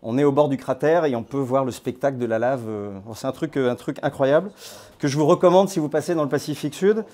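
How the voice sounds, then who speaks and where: A man giving an informal presentation to a meetup group, talking in a conversational, halting way with many hesitations and restarts. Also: medium pitch, dark tone. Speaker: crypto platform founder giving a talk. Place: based in Nouméa.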